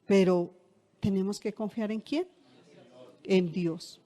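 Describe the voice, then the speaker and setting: A woman's voice: mid-range voice, steady tone, slow pace, dark tone. A middle-aged woman pastor, preaching a sermon in a conversational way and asking the congregation rhetorical questions. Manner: conversational, shares personal anecdotes.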